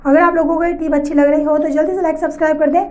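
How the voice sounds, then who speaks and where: A woman's voice: high voice, little pitch movement, very fast, a little mellow, lo-fi sound. A woman giving step-by-step household tips at home. She speaks straight to her viewers, patiently repeating each step.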